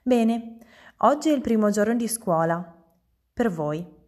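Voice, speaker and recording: A woman voicing a kind young female schoolteacher in an audiobook reading, with a bright, encouraging tone. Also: mid-range voice, expressive, takes it slowly. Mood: instructive.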